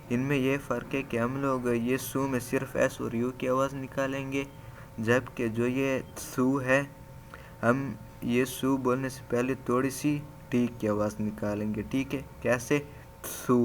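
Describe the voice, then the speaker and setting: A man's voice: medium pitch, slight background noise. A man teaching a language lesson, patiently reading syllables from a chart for learners to repeat and often adding a checking tag after each point. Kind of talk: classroom-style lesson, reading a chart aloud.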